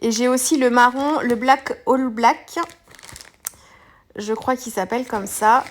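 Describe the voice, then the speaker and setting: Hesitant, slightly high-voiced woman demonstrating a craft. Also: fairly even intonation, slow pace. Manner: hesitant, frequent fillers and self-corrections. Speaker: craft tutorial presenter. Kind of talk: casual step-by-step demonstration.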